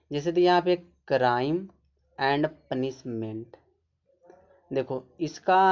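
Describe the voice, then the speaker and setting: A man's voice: on the high side, darkish tone, clear, resonant tone, muffled recording. A man teaching English grammar, explaining step by step and answering his own questions. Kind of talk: explaining a grammar lesson in Hindi.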